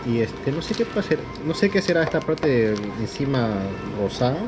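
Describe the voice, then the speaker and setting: A man's voice: medium pitch, expressive, moderate pace, music in the background, poor audio. A young man with a Peruvian accent, hosting a casual food-tasting vlog, chatting and explaining to viewers at a restaurant table. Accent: Peruvian Spanish. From Peru. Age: young adult. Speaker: vlogger host. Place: indoor sushi restaurant. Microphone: camera on the table.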